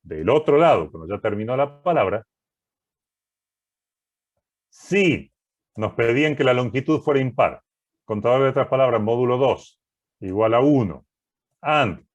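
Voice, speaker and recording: Male programming teacher, unhurried delivery, methodical, keeps checking in with the class. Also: mid-range voice, muffled recording. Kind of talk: recorded class walking through code.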